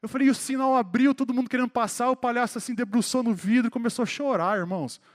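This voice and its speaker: High-voiced Brazilian preacher man. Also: steady tone, fast. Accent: Brazilian Portuguese. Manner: addresses the congregation directly, calling out members by name; grows more fervent and emphatic toward the close. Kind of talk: sermon. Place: church service hall.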